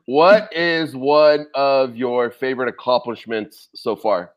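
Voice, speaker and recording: A man's voice: mid-range voice, steady tone, takes it slowly, highs cut off. A man hosting a podcast interview, speaking in a friendly, enthusiastic way over a video call. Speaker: podcast host.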